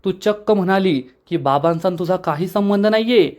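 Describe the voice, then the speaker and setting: A woman's voice: fairly low pitch, normal speed, a little mellow, voice pushed up, lightly acted. A man voicing a reproachful young woman who confronts her sister.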